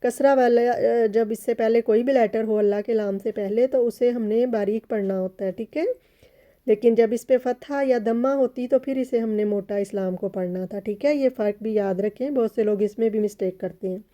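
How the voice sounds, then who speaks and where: A woman teaching recitation rules patiently, repeating each point and chanting the Arabic words in long, drawn-out tones. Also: on the high side, warm tone, dull audio. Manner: patient, repeats each word slowly and often says "theek hai". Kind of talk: step-by-step tajweed lesson.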